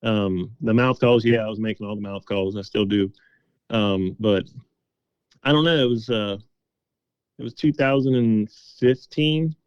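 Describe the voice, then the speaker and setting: A man's voice: on the low side, unhurried, darkish tone, clear, resonant tone, no echo, lo-fi sound. A middle-aged man being interviewed, telling stories in a folksy, casual, conversational way. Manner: folksy, quotes past conversations as dialogue. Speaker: interview guest, game call maker.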